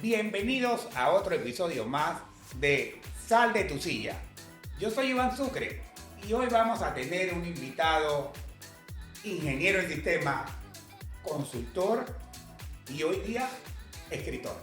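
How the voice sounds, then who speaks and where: A man co-hosting a podcast, interviewing a guest in an effusive, drawn-out way. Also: high voice, very animated, a bit bright, soft background music. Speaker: podcast co-host.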